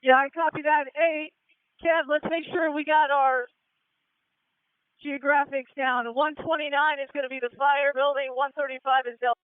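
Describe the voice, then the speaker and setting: A man with a very high, strained voice directs a fire scene in short, brisk commands. He comes through a narrow, tinny two-way radio channel that sounds dry and boxed in, with no room around the voice. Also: level tone, dry recording. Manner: brisk, clipped orders. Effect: two-way radio transmission. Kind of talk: fireground radio traffic.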